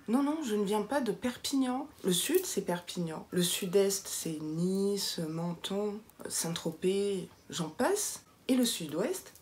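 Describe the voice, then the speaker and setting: A young woman vlogger from southwest France talks to camera in a casual, playful way. Her southwestern French accent is faint. Her voice sits at a middling pitch. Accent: southwestern French, light. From southwest France (Béarn). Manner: chatty, playful, lively asides.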